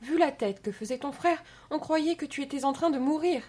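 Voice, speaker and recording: Woman playing an anxious, high-voiced grandmother. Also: moderate pace, warm tone, lightly acted. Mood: alarmed. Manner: anxious, fussing, questioning. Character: worried, fussing grandmother, older woman.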